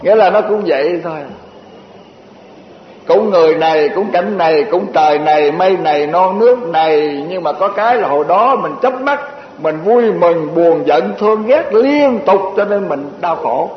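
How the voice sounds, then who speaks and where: A Buddhist teacher gives a dharma talk in a high, light, animated voice at a moderate pace. His delivery is homely and repetitive, full of short lists and chuckling asides. The recording is muffled, with long echoing hall reverb over a faint hiss.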